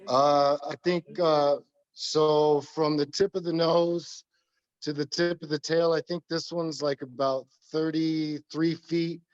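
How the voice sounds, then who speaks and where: A man with a slightly hoarse voice, talking casually and haltingly as a tile installer walking someone through his work. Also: a little high, level tone, dull audio. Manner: hesitant, halting. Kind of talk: casual informal walkthrough talk.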